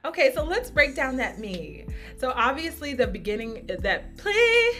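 A woman's voice: high-pitched, very animated, a little slow, a bit bright, faint music behind. Upbeat woman vocal coach teaching runs. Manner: upbeat, encouraging, sings short examples. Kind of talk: singing lesson with sung demonstrations. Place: home studio podcast.

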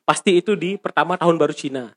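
A man's voice: on the high side, fast. A man chatting casually about hotel work, joking and breaking into laughter often. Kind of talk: casual podcast chat.

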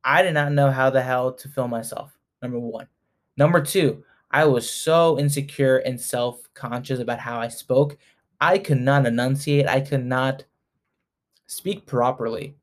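A man's voice: medium pitch, measured pace. A man in his early twenties, a sports fan vlogger talking casually, chatty and self-mocking, often laughing. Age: 20s.

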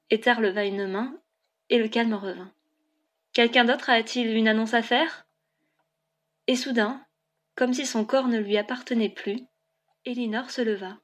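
A woman with a mid-range voice narrates a novel as an audiobook. Her storytelling delivery is clear and even.

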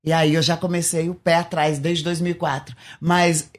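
Guy from paraná telling his testimony, animated, acts out the quotes. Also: on the high side, normal speed. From Paraná, Brazil. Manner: animated storyteller, acts out quotes in shifting voices. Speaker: guest telling conversion testimony. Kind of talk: emotional testimony.

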